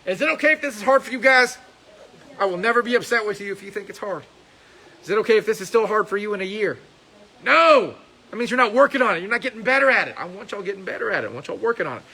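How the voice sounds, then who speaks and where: A man teaching a karate class, shouting counts and commands and cheering students on, in a training hall with mirrors. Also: high-pitched, animated, very fast, husky. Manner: loud barked commands and upbeat encouragement. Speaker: karate instructor. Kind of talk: live coaching of a class.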